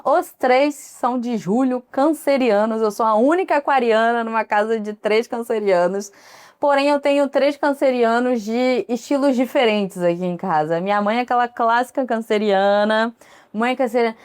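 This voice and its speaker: Woman in her 30s from brazil, solo podcast, rambly casual chat, kinda high voice. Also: normal speed, a little mellow, clear, resonant tone. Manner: chatty, digressive, frequent asides. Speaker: podcast host.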